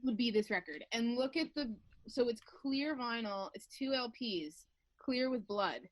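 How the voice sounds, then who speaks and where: A woman appears as a guest on a podcast video call, chatting eagerly about vinyl, swearing casually and showing off her records. Her voice is a little high and a little slow, and the recording is dry.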